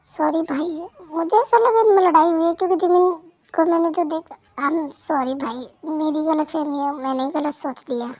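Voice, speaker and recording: A woman's voice: high-pitched, normal speed, darkish tone, close to an everyday voice. A woman doing a sheepish younger brother. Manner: apologetic and subdued. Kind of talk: Hindi fan dub.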